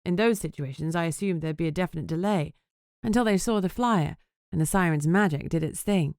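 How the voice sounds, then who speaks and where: A woman's voice: fairly low pitch, brisk, a little mellow, no echo, clean studio sound, lightly acted. A woman reading a first-person audiobook as a sarcastic, self-mocking female vampire journalist. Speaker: audiobook narrator.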